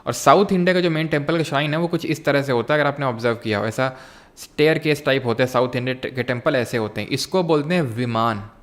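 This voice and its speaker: A man's voice: medium pitch, quick pace. A young man teaching a live online exam-prep class, mixing Hindi with English terms and answering viewers' chat questions.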